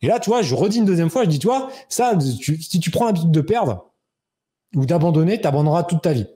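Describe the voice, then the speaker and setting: Male guest, thirties, quick animated storyteller who acts out the dialogue. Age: 30s. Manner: animated, acts out quoted dialogue with raised pitch. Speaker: interview guest. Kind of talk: casual storytelling.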